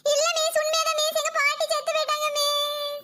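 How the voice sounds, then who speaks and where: A woman voicing a little schoolgirl in a comedy cartoon who schemes to skip school, pleading and whining in a drawn-out way. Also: very high voice, level tone, bright, forceful tone, a little hiss or hum. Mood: whiny.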